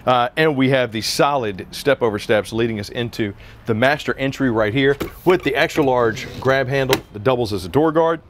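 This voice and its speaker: There's a little hiss or hum as a man in his forties tours an RV on an outdoor sales lot, his mid-range voice moving at a moderate pace. He chats into a lapel mic with the easygoing, upbeat patter of a salesman giving a walkaround review.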